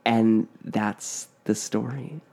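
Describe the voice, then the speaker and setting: A man's voice: fairly low pitch, fairly even intonation, drawn-out words, creaky, warm tone. A man co-hosting a podcast, telling a spooky family story in a casual, rambling way full of fillers and restarts. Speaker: podcast co-host.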